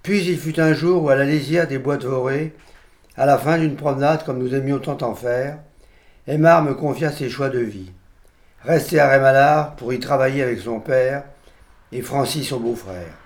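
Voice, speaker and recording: An older man reading a funeral eulogy in a solemn, measured way. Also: medium pitch. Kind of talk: funeral eulogy read aloud.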